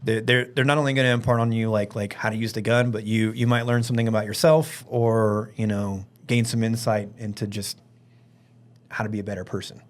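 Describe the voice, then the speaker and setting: A man's voice: fairly low pitch, steady tone, a little fast. A man from Alabama talking casually as a podcast guest, rambling informally and leaning on filler words like "like" and "you know". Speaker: firearms instructor and event organiser, interview guest.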